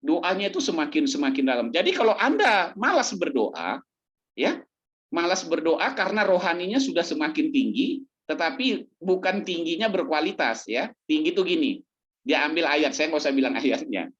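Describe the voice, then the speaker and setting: A man's voice: on the high side, big pitch swings, moderate pace, fairly bright tone, highs cut off. A man preaching a sermon as pastor, in a conversational, humorous way, often posing questions and then answering them himself.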